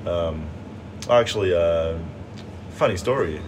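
A man's voice: sits low, moderate pace, background noise. A man chatting casually as a podcast guest, telling stories in a hesitant, wry, understated way.

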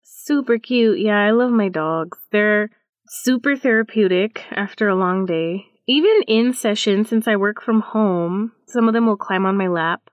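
A woman's voice: medium pitch, measured pace, dry recording. Playful woman podcaster, lo-fi dry sound. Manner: playful, joking, animated asides. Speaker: podcast host. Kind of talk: casual chat.

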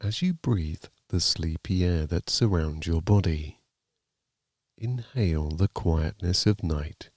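Guy doing a sleep story meditation, really slow n calm, low soothing voice. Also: no room sound, clean studio sound. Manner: calm, unhurried, gently measured phrasing.

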